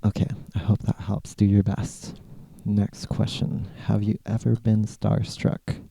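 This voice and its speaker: A laid-back American man answers listener questions on his podcast. His voice is low and gravelly, with a dark, mellow tone. The sound is close and dry. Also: completely flat delivery, unhurried, no echo. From California, USA. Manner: laid-back, rambling, with many "like" fillers. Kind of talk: casual Q&A chat.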